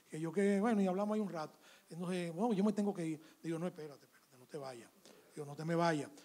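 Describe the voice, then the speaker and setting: Dominican man telling a story. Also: fairly high pitch. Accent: Dominican Spanish. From Dominican Republic. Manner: animated anecdote, acts out dialogue. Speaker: author. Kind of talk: interview storytelling.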